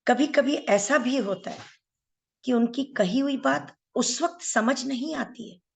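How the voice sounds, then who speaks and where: Slow, gravelly-voiced woman giving a spiritual talk. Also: high voice. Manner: unhurried, earnest storyteller who addresses listeners directly. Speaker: meditation teacher.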